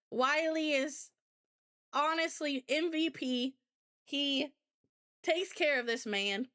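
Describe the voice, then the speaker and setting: High, bright-voiced woman telling a rambling story. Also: smooth. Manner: rambling, chatty anecdote telling. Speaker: VTuber streamer. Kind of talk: casual storytelling chat.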